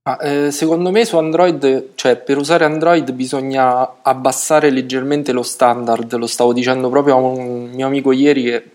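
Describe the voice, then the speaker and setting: A man speaking on a relaxed tech podcast in a mid-range voice. He pauses often, restarts his sentences and leans on fillers as he works out his thoughts. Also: medium pitch. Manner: hesitant, many restarts and fillers. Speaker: podcast guest. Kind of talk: casual tech podcast chat.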